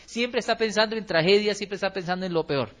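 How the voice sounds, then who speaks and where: A man with a Colombian accent preaching to his church, his voice pitched a little high for a man. He talks lively and animated, acts out little quotes and keeps asking the congregation questions. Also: fast talker. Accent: Colombian Spanish. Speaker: pastor. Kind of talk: sermon. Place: church hall.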